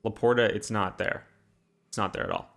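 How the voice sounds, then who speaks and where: A man's voice: fairly low pitch, animated, brisk, gravelly, a bit bright. A young man hosting a casual podcast, talking in an emphatic, opinionated way. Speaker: podcast host. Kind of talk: casual chat.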